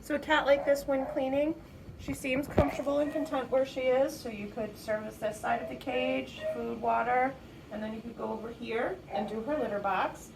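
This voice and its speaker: A woman explaining shelter cat care in a soft, patient instructional voice. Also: steady tone, moderate pace, gravelly. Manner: soft and patient, high sing-song baby talk to cats. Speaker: shelter volunteer trainer. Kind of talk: instructional walkthrough. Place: animal shelter cat room. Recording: echoey room, voice from a distance, audible background noise.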